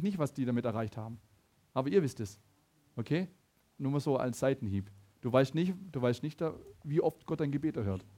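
A man preaching a sermon, telling a personal story with animated stammering restarts and talking straight to his listeners. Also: medium pitch. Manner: animated, stammering restarts, addresses the audience directly.

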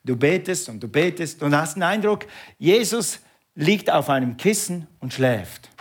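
A man preaching a sermon as pastor, animated and drawing his congregation into call and response. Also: on the high side, a little slow, husky.

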